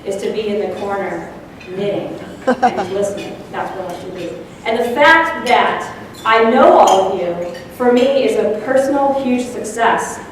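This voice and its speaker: A woman's voice: mid-range voice, lively intonation, measured pace, slight background noise. A woman, a district officer, gives an enthusiastic speech to club presidents at a breakfast event and asks the audience questions. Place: large room at an event. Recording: echoey hall, voice from far off.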